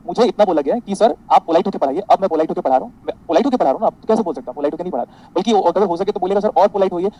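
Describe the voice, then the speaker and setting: Quick guy teaching online engineering class, mixes hindi and english, dark mellow voice. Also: sits high, animated, highs cut off. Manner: sarcastic, exaggeratedly polite.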